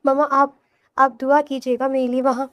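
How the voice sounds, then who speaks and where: A woman's voice: high voice, little pitch movement, dry recording, dull audio, natural voice. A woman reading a young man pleading through tears. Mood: tearful pleading. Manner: choked, childlike pleading. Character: young man tearfully pleading with his mother.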